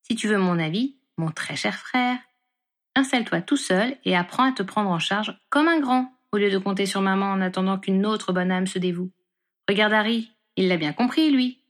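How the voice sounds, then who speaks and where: A woman voicing a blunt, sharp-tongued young woman in a storybook reading. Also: mid-range voice, normal speed, natural voice. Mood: scolding. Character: blunt teasing young woman, Ron's sister.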